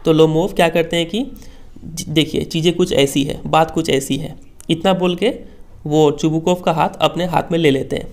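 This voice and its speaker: A man's voice: fairly high pitch, fairly even intonation, normal speed, vocal fry. Patient man teaching a school text. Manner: patient, checks understanding often. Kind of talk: explaining a school text line by line.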